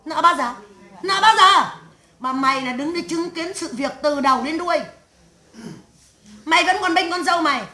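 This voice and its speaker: A woman's voice: very high voice, normal speed, long pauses, sharp tone. A woman medium voicing the spirit of a stern old great-grandmother in a séance, scolding her family in a harsh, crude tirade full of curses. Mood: ranting. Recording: echoey room.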